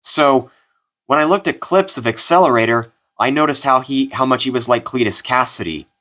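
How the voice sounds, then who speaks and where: A man's voice: medium pitch, moderate pace, sharp tone. A man hosting a video, giving casual scripted commentary. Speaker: video host. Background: music.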